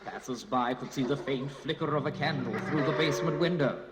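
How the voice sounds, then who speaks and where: A man narrating ghost stories in a spooky, theatrical way, moving between hushed and urgent delivery. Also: medium pitch, brisk. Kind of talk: dramatic scripted storytelling for a ghost tour record. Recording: reverberant hall sound with loud music behind. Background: music.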